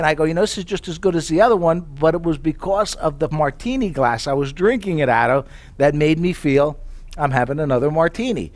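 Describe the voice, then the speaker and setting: A man pitches tableware to a live audience in a slightly raised voice. He spins chatty personal stories, quotes his own past thoughts in little asides, and keeps checking in with his listeners. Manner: chatty storytelling with rhetorical questions. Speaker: sales presenter.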